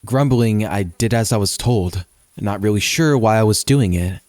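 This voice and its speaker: A man's voice: fairly low pitch, normal speed, a little mellow, dry recording. Man narrating a horror story, dry close sound.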